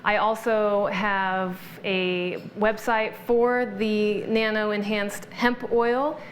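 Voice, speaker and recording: This interview guest speaks slowly in a level, medium-pitched voice, walking through wellness subjects and listing their benefits like a patient explainer. There's a slight hiss or hum in the background of the conversational exchange.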